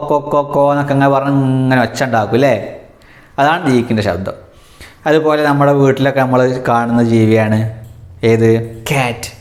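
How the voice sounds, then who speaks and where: A man's voice: medium pitch, darkish tone. A man teaching a children's language lesson, telling a story and imitating animal sounds for the class to repeat. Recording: echoey room.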